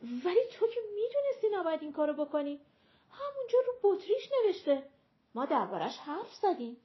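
A woman voicing a touchy, dramatic young woman with a shrill, sulky voice, in an audiobook. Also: animated, lo-fi sound, lightly acted. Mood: indignant.

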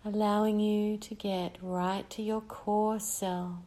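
A woman leading a guided breathing meditation, speaking in a slow, soothing way with long pauses between phrases. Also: medium pitch, little pitch movement, warm tone.

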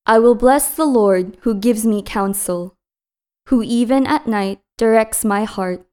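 A woman reading scripture and psalms as a liturgical reader, in a solemn, measured and carefully phrased way. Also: fairly high pitch, warm tone, smooth.

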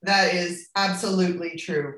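A woman's voice: lowish voice, fairly even intonation, moderate pace, a bit bright. A woman with an Acadian accent, hosting a podcast interview and putting questions to her guest. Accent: Acadian French. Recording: roomy, echoing sound.

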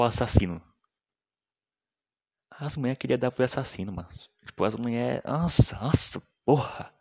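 A young man rambling in a casual, slangy monologue full of swearing, often trailing off quietly. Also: lowish voice.

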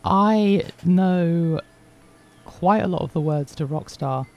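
A man's voice: fairly high pitch, takes it slowly, lo-fi sound. A man co-hosting a podcast in casual conversation, with some noise in the recording. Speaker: podcast co-host. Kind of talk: casual chat.

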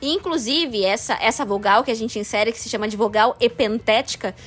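High-voiced Brazilian woman reasoning. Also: a little fast, a bit bright. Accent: Brazilian Portuguese. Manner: earnest, reasoning, didactic. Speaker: English teacher. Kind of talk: casual panel chat.

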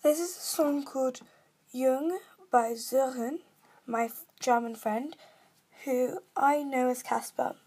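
Slow-paced, with a high voice and darkish tone, this young vlogger from Kenya earnestly reads scripted reviews of her own, covering movies and songs, in a British accent.

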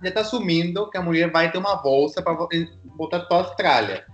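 A man's voice: a little high, a little fast, muffled recording. A man with a slightly raised voice lays out a complaint earnestly in casual talk. The room echoes around him, and faint music sits underneath. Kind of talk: casual chat.

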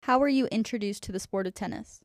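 A woman interviewer asking questions and reading scripted links clearly and evenly. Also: medium pitch, fast talker, slight background noise.

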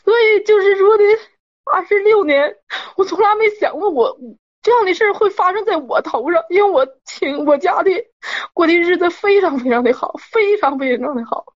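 A woman's voice: very high voice, animated, moderate pace. A woman, a caller telling a personal story in a rambling, worked-up way and repeating herself. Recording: dull lo-fi audio.

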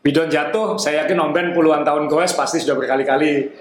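A man talks fast and animated as a podcast host, his voice a little high for a man. He sounds like he is in an echoey room with faint ambient hum behind him. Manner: animated, quick-talking, laughs often. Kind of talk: casual podcast chat.

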